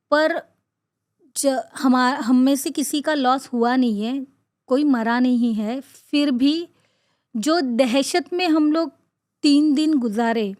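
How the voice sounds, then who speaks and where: A woman podcast host tells her own story in an earnest, halting way, pausing often and filling gaps with short sounds. She repeats words for emphasis. Her voice sits a little high, and the recording is dry with no room sound. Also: a little mellow, dry recording. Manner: halting, with frequent pauses and fillers. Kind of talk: personal storytelling.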